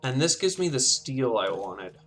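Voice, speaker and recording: A man's voice: mid-range voice, sing-song, measured pace, a bit bright. A man commenting casually on his own game as he plays, thinking aloud and talking himself through each choice. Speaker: gameplay commentator. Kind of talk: casual let's-play commentary.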